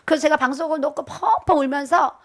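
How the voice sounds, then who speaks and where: High-voiced woman preaching emphatically. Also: fast talker. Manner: emphatic and repetitive, with chuckles and self-mocking asides. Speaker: pastor's wife preaching. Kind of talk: sermon.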